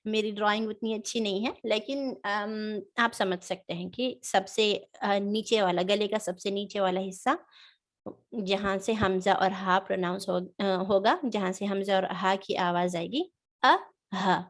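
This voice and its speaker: A woman teaching a Quran reading lesson online. She explains patiently, with many fillers, and slowly demonstrates throat and tongue sounds. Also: mid-range voice, little pitch movement.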